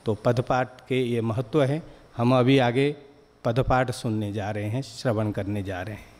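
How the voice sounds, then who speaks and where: A man giving a spiritual discourse to a gathering, explaining patiently in short, measured phrases. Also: medium pitch, steady tone, a little mellow, in a large hall. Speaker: spiritual teacher.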